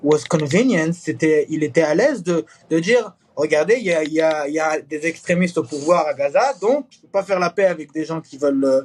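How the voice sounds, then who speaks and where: A young man with a slightly high voice talks earnestly in an interview, stumbling and restarting as he searches for words. Faint ambient noise hums behind him. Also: expressive, a little mellow. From born in East Jerusalem. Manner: halting, many restarts and fillers, earnest. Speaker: Israeli reservist interviewee. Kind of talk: candid interview talk.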